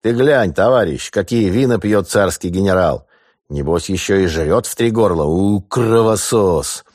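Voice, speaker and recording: A man voicing a rough, greedy revolutionary sailor who talks loudly and crudely, in an audiobook. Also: deep voice, expressive, measured pace, dry recording, studio quality, pitched above the performer's own voice. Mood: brutish. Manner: brash, loud and crude.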